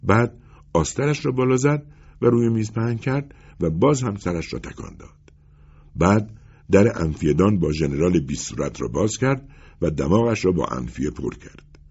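Gravelly male storybook narrator. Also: deep voice, expressive, a little mellow. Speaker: audiobook narrator. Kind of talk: scripted literary narration. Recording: dull lo-fi recording.

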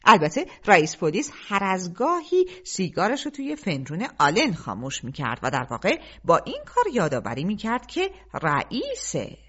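A woman narrates an audiobook in a storytelling voice, her pitch rising and falling across a very wide range. The sound is dull and lo-fi, without crisp highs. She keeps it lively throughout. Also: hardly any pauses.

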